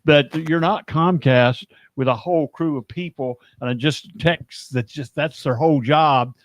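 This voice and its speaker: A man's voice: a little high, a little hiss or hum. Meandering sports talk host man. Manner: meandering, halting, restarts sentences. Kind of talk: casual sports talk chat.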